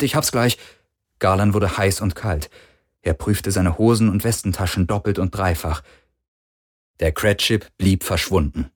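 A man narrating an audiobook with expressive storytelling. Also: sits low, slightly rough, dry recording, clean studio sound. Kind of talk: scripted narration.

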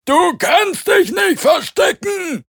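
A man voicing an angry reptilian alien pursuer who shouts from a distance in a very high, strained voice. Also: animated, takes it slowly, gravelly, heavily acted. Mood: shouting threats. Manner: shouting from afar.

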